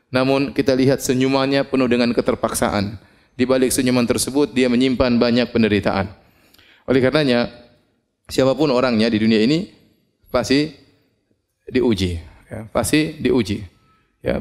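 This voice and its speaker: A middle-aged man preaching a sermon, measured and deliberate, often adding "ya" between phrases and reciting Arabic verses. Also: medium pitch, darkish tone. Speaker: Islamic preacher.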